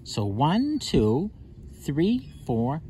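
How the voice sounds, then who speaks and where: A man's voice: a little high, wildly swooping pitch, extremely slow, warm tone. A man hosting a children's counting game outdoors, talking playfully to small children and asking them lots of questions. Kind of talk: playful narration addressed to young children. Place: outdoors on grass in a park. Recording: outdoor ambience with birds, faint noise. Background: birds and outdoor ambience.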